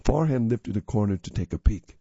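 A man reading magazine stories and articles aloud in a steady, measured way. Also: on the low side, creaky, breathy edge, no room sound. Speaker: magazine reader. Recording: dull lo-fi recording.

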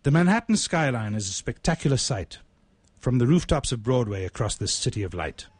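A man who hosts a radio show and writes poetry tells stories and recites poems in a spoken, literary, conversational way. His mid-range voice is sing-song, a little fast and slightly rough, on a dry recording.

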